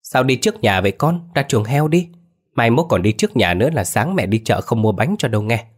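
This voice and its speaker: A man's voice: medium pitch, big pitch swings, fairly quick, breathy edge. A man voicing a stern village mother who scolds her son. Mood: scolding.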